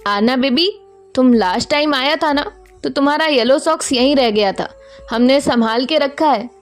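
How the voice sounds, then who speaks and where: A woman's voice: sits high, normal speed, soft background music, lightly acted. A woman voicing a fond, teasing middle-aged aunty who speaks in broken grammar. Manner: broken grammar, says "hum" for I.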